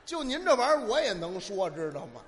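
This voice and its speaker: Male straight man for stage crosstalk: somewhat high, lively and exasperated, with short replies in a reverberant hall. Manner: quick short retorts, exasperated. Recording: hall reverb, faint noise.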